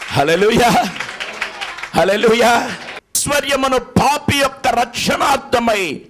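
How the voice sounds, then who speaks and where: A male pastor preaching a sermon, telling folksy parables and swinging between soft asides and sudden shouts. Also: very high-pitched, slow pace, crowd noise, noisy background.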